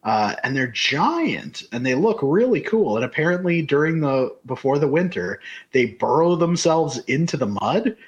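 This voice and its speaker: A man's voice: on the high side, very animated, normal speed, muffled recording. A man co-hosting a podcast, chatting casually in a rambling, conversational way. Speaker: podcast co-host. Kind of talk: casual chat.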